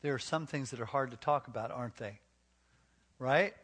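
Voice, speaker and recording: A man's voice: medium pitch, moderate pace, a bit bright. A man preaching a marriage sermon to a congregation, his voice sitting in a middle register. He tells homespun stories in a folksy way, stumbling over restarts. He keeps turning to the crowd with questions. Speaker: pastor.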